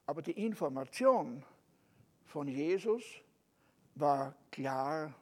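High-pitched guy preaching a sermon, emphatic, slows on key bits and drops quiet, keeps asking the crowd "right?". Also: animated. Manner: emphatic, with slow stressed phrases and soft drops; speaks to listeners with rhetorical asides.

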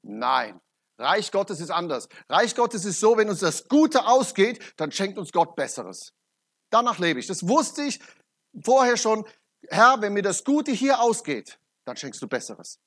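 A middle-aged man preaching a personal testimony. His voice is somewhat husky and sits a little high, and he swings from loud, urgent outbursts to quiet, low asides. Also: very animated, unhurried. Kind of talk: testimony sermon.

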